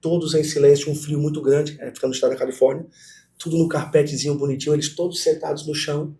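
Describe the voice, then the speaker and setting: This guest professor, a middle-aged man with a Brazilian Portuguese accent, speaks fast in a voice on the high side. During a lively interview he tells stories animatedly and talks to the students directly.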